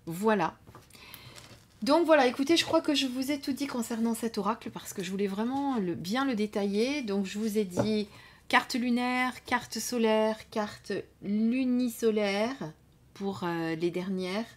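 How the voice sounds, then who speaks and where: Soft-spoken woman reviewing oracle cards. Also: a little high. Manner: soft-spoken, often trailing off into near whispers; unhurried, with frequent "hein" and "euh" fillers. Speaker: card reading channel host. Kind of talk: casual product review. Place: indoors at home under studio lights.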